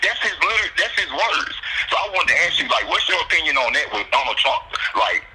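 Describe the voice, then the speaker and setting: A man from Atlanta, talking casually and repetitively about sports picks, getting animated as he goes. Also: fairly high pitch, fairly quick, a little hiss or hum, low-quality recording. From Atlanta, USA. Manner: loose, repetitive, animated when worked up. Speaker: sports betting picks streamer. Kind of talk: casual conversation.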